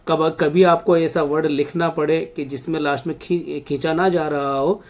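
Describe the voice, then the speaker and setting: A man teaching an online Urdu reading lesson, patiently explaining and then reading single words slowly and drawn out for practice. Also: on the high side, steady tone, darkish tone.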